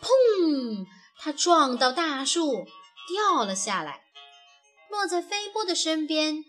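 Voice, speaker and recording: Brief: a woman reading a children's story, gentle and expressive, slow and high, faint music behind. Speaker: narrator.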